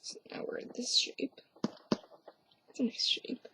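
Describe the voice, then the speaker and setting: A woman's voice: a little slow, rough recording. A young woman whispering through a hands-on craft tutorial at home, with offhand, self-mocking asides. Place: at home, quiet indoors.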